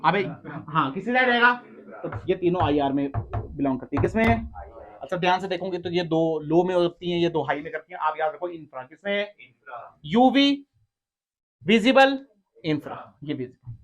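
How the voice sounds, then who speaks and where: A high-pitched male teacher runs a lively classroom lecture and keeps quizzing his students. He teases and scolds them in between questions. The recording sounds dull and lo-fi. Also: normal speed. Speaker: physics teacher. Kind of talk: classroom lecture with call-and-response.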